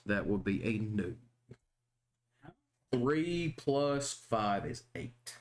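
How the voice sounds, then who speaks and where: A man playing a tabletop role-playing game, talking in a halting way with many fillers and frequent laughs. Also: fairly low pitch, very animated. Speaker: player.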